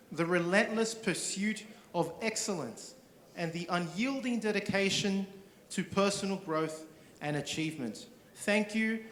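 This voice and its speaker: A man delivers a prepared tribute speech in a fairly high voice. His delivery is formal and measured, clearly read from a script. The venue's sound system gives it a strong echo. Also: a bit bright, a little hiss or hum. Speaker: event speaker. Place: large indoor event venue.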